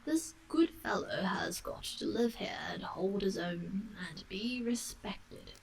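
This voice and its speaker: A woman's voice: lowish voice, wildly swooping pitch, slow, vocal fry, a little hiss or hum, heavily acted, low-quality recording. A woman voicing a gloomy, blunt male badger with common manners in a storybook.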